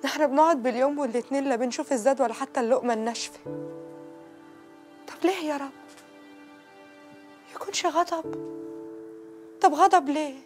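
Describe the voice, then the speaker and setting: A woman's voice: high voice, fast, long pauses, a little mellow, soft background music, lightly acted. An actress with an Egyptian accent playing a poor, desperate village mother who pleads anguished to God. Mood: despairing. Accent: Egyptian Arabic. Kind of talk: TV drama acting.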